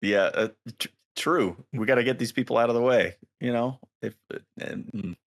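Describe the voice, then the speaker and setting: A man co-hosting a casual hobby podcast, hesitant and repeating words as he talks, quick to laugh. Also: medium pitch. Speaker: podcast co-host.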